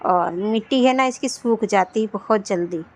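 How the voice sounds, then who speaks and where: A woman's voice: medium pitch, unhurried. Chatty woman vlogging her chores. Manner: chatty, rambling, with frequent restarts. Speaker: homemaker vlogger. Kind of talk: casual vlog narration of daily chores. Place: at home, indoors and on a rooftop.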